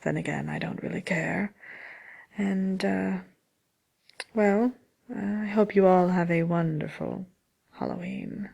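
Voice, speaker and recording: Wicked witch, played by a woman: gravelly, slightly low, dry self-importance and sly mischief, hosting an ASMR chat show. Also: takes it slowly, long pauses, warm tone, heavily acted. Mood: breezy, dismissive. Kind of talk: in-character ASMR question-and-answer chat.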